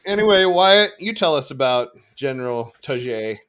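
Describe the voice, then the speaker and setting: A man's voice: medium pitch, lively intonation, moderate pace, fairly bright tone, clean tone. A man hosting a casual podcast chat about a card game, laughing often and moving the talk along. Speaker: podcast host.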